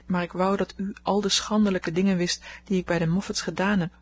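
Young woman at a ball, rueful and a little husky, read by a woman narrator. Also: lowish voice, flat delivery, brisk. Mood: confiding.

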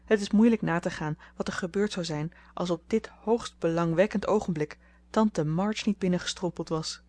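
A woman reading a novel aloud as an audiobook narrator, calm and even. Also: lowish voice, normal speed. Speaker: audiobook reader. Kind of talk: storybook narration.

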